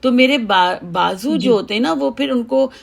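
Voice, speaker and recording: A woman with a heavy, low voice teaching recitation, patiently correcting and chanting example lines. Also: lively intonation, moderate pace, vocal fry. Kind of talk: teaching recitation over a call, with sung examples.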